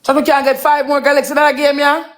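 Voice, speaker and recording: A woman's voice: high voice, level tone, quick pace. A Jamaican woman in her thirties hosting a live stream, coaxing her chat with repeated call-outs in patois. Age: 30s.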